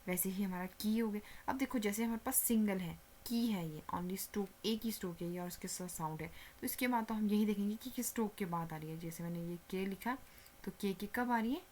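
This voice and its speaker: A woman teacher walks through a lesson in a steady mid-pitched voice, pausing to check that the listener is following. Her voice drops almost to a whisper as she writes, over a faint hiss of background noise. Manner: patient, repeats steps with frequent check-ins; mixes English terms into Hindi explanation. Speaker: shorthand teacher. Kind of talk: whiteboard lesson explanation.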